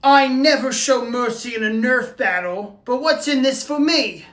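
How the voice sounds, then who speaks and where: A woman's voice: fairly high pitch, measured pace, roomy sound, natural voice. A woman playing a scrappy little boy who eagerly rallies his friends and bargains for treats. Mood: sly. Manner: eager, rallying, greedy for treats.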